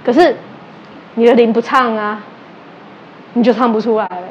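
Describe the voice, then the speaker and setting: Speaking at a normal speed in a slightly high voice, a woman teaches a religious sermon in Taiwanese Mandarin mixed with Taiwanese Hokkien. She tells lively stories, acts out conversations and asks her listeners questions. The muffled recording has a bit of hiss or hum.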